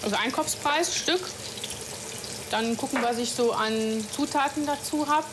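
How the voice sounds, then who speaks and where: A woman's voice: sits high, moderate pace, noisy background. A woman who owns a restaurant, giving short, hesitant answers while being questioned in her kitchen. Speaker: restaurant owner. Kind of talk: casual reality-TV talk.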